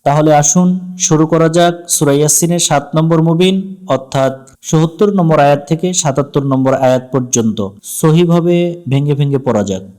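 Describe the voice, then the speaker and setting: A man with a Bangladeshi Bengali accent teaching Quran recitation step by step, switching between drawn-out melodic chanting of verses and plain spoken pointers on how to say them. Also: on the high side, dark tone, clear, resonant tone. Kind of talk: slow step-by-step recitation lesson.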